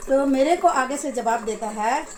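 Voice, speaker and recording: A woman's voice: high voice, normal speed, darkish tone, slight background noise. A middle-aged woman chatting casually to her viewers in a home vlog, telling family stories while doing chores in her kitchen. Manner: chatty, addresses viewers as guys. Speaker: vlogger.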